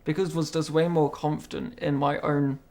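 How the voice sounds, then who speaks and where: A young adult apprentice with a stammer is being interviewed, and he answers carefully and in a measured way, now and then repeating words. For a man his voice is fairly high, with a gravelly edge, and his tone stays flat and steady the whole way through.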